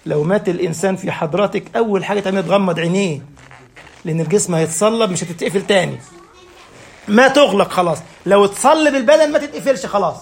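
A man's voice: high voice, creaky, husky. A man with an Egyptian Arabic accent giving a religious lecture. He asks his listeners rhetorical questions and answers them himself, explaining step by step with everyday examples. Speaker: preacher.

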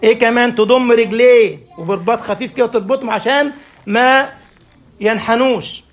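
A man's voice: extremely high pitch, brisk. A man with an Egyptian Arabic accent giving a religious lecture. He asks his listeners rhetorical questions and answers them himself, explaining step by step with everyday examples. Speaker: preacher.

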